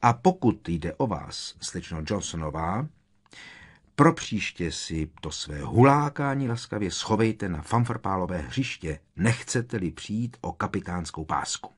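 A man's voice: sits low, sing-song, breathy edge, heavily acted. A man doing a stern, clipped older professor woman. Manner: clipped, sharp, scolding.

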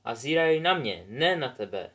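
A man voicing an embarrassed, sulky teenage boy who pleads haltingly. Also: mid-range voice, very animated, a bit bright.

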